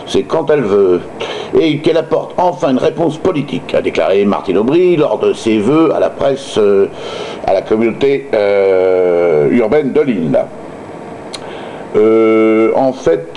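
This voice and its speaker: A man's voice: medium pitch, mellow, a little hiss or hum. A man reading news like an amateur radio host, stumbling and hesitating, with sardonic personal asides.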